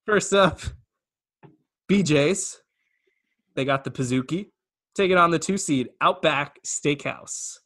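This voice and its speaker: A man's voice: a little high, slow pace, long pauses, fairly bright tone. A man hosting a casual podcast, announcing matchups and giving blunt opinions. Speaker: podcast host running the bracket.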